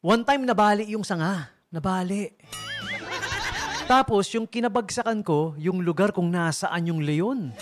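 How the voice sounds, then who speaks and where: A man's voice: high-pitched, a little slow, loud music behind the voice. A man from the Philippines working as a radio DJ, telling jokes in a chatty way and laughing at his own punchlines. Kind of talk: joking radio talk. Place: radio studio.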